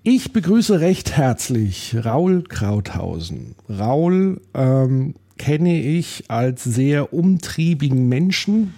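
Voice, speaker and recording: Dark-toned male podcast host. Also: mid-range voice. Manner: friendly, hesitant with fillers. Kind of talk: interviewing.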